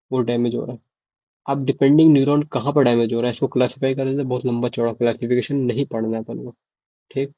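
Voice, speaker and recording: A man's voice: mid-range voice, warm tone, no echo. Young man, casual medical tutor, dull dry lo-fi recording. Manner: casual, asks "ok?" and repeats key terms to check understanding. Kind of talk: informal lecture explaining to students.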